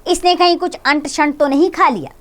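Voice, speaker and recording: A woman's voice: sits high, a little fast, pitched above the performer's own voice, close to an everyday voice. A woman voicing a worried mother who fusses anxiously over her sick son, reading a school play aloud. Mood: anxious coaxing. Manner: coaxing, anxious.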